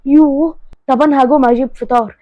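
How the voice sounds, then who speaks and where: Woman doing a caring young friend, Egyptian accent, soft and coaxing, dry close sound. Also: high voice, fairly even intonation, quick pace, dry recording, lo-fi sound, natural voice. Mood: soothing. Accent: Egyptian Arabic. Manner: soothing, coaxing.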